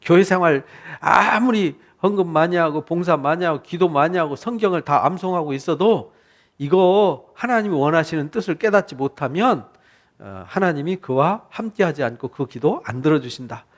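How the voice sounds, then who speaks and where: A pastor from South Korea delivers an expository sermon in a high, lively voice. He preaches with fervor, firing questions at his listeners and acting out the words of the people he describes. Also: normal speed.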